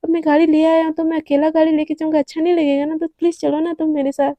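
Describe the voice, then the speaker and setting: A woman's voice: high-pitched, flat delivery, fast, dark tone, no room sound, close to an everyday voice. A woman voicing a smitten young man who pleads and coaxes, told in a Hindi story. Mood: coaxing.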